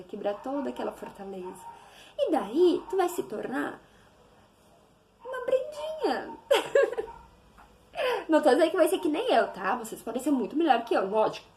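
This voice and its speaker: A young woman giving a casual devotional talk to camera, animated and acting out prayers and little dialogues in playful voices. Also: fairly high pitch, slight background noise.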